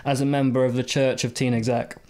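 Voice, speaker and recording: A man's voice: medium pitch, little pitch movement, brisk, noisy background. A man co-hosts a casual interview podcast with an ordinary mid-range voice. He is chatty and laughs easily. His questions run long and loose, full of ums and restarts. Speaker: podcast co-host.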